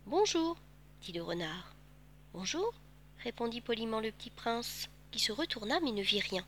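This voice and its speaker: Bright-voiced woman reading a storybook. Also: a little high, a little fast, a little hiss or hum. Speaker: narrator.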